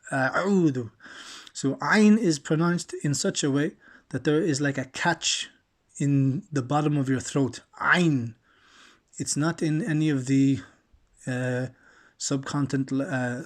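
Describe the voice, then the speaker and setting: A man teaching the pronunciation of Arabic letters, modelling each sound slowly and checking in with "okay?" as he goes. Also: mid-range voice. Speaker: Quran recitation teacher. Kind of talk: slow, patient pronunciation lesson.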